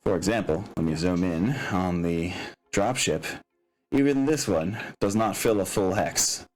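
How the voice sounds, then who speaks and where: A man with a deep voice and an unhurried delivery plays game master, casually explaining tabletop mechanics while thinking aloud with some hesitation. Music plays in the background of the recording.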